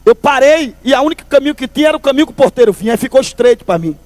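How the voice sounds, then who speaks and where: High-voiced man telling a church testimony. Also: rapid-fire, no room sound. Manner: lively storyteller, calls listeners brother. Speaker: testimony speaker at a church service. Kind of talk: humorous testimony storytelling.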